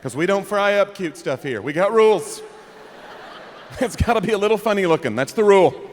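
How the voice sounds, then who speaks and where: A young man performing a stand-up comedy set, animated and breaking into loud character bits. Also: sits high, normal speed. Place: comedy club stage. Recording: live room with long reverb, faint crowd noise.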